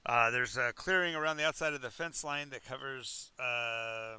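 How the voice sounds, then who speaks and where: A man's voice: mid-range voice, moderate pace, bright, forceful tone, smooth, no echo. A man running a tabletop game on a live stream, rambling through descriptive narration with restarts. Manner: chewing while talking. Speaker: game master.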